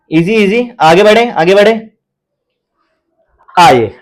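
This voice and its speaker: The recording is rough as a high-voiced man with an Indian accent lectures on chemistry. His style is repetitive: he poses questions to the class, answers them on his own, and counts out loud in a playful chant.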